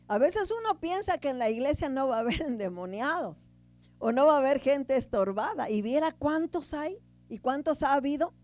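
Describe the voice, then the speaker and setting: Woman, sermon, chatty teaching preacher, fairly high voice, loud-to-soft swings. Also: lively intonation, normal speed, no echo. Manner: conversational, keeps asking the congregation "right?"; swings between loud emphasis and quiet asides.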